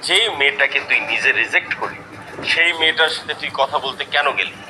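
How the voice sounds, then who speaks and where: A man's voice: on the high side, quick pace, background noise, lightly acted. An actor playing a mocking, quarrelsome middle-aged father, over background music. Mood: scolding. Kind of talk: comic drama acting.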